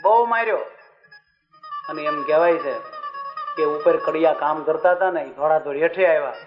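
A high-pitched man delivers a devotional story sermon, speaking animatedly and questioning his listeners. The recording sounds slightly dull, with faint music underneath. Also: moderate pace. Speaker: preacher.

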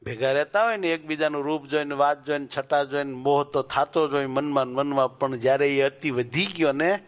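A man's voice: a little high, brisk. Man telling devotional stories in a sermon. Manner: rural colloquial speech, animated when quoting characters. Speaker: religious storyteller.

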